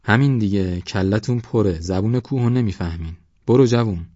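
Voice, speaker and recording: Man playing old shepherd, gruff and blunt, scolding, higher than his own voice, husky. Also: warm tone, no room sound, dull audio, lightly acted. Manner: scolding, raised voice.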